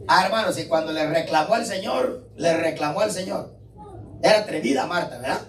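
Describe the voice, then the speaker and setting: A male pastor preaches in a chatty, conversational way and keeps asking his listeners whether they follow. His voice is a little high for a man. It comes from some way off the mic in an echoey church hall with faint room noise. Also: moderate pace, far from the mic. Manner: conversational, keeps checking in with the congregation. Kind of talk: sermon.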